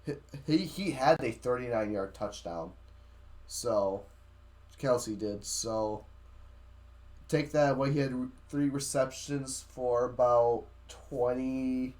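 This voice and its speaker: Slow-talking man in casual sports chat. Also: mid-range voice, a little mellow. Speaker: podcast co-host.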